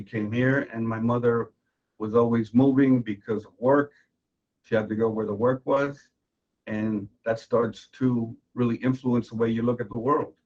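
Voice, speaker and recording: A man from Venezuela makes his case as a judicial candidate, earnest and insistent, circling back to repeat his points. His pitch sits mid-range. The recording sounds dull and lo-fi. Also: a little mellow. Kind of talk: interview answers.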